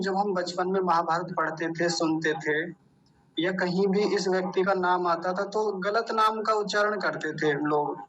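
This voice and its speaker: Guy teaching pronunciation, kinda high voice, slow and patient, dull lo-fi audio. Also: fairly bright tone. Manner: patient, repeats each word slowly. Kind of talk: recitation lesson.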